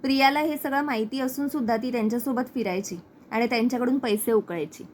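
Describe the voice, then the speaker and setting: A woman's voice: fairly high pitch, quick pace, slight background noise, close to an everyday voice. A woman reading the lines of a young male ex-boyfriend telling all, in a plain recap voice. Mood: matter-of-fact.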